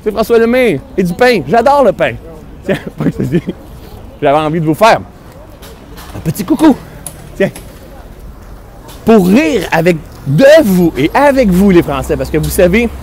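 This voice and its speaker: A man's voice: a little high, a little mellow, slight background noise. A man with a Québécois French accent, vlogging outdoors on a city street in a playful, self-mocking, exaggerated comedic way. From Quebec. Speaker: mindfulness speaker. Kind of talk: comedic vlog to camera.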